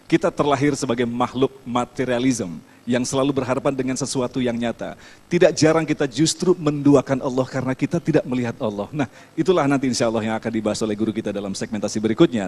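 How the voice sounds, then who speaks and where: A male presenter introduces the next segment of a religious television program in a formal, polished manner. He talks quickly, at a mid pitch for a man. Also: a little mellow. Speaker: TV program host.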